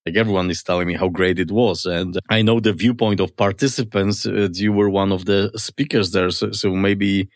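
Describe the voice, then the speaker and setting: Guy hosting a podcast, low voice, curious and upbeat, kinda informal. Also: fairly even intonation, moderate pace, hardly any pauses. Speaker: podcast host. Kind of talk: podcast introduction and interview.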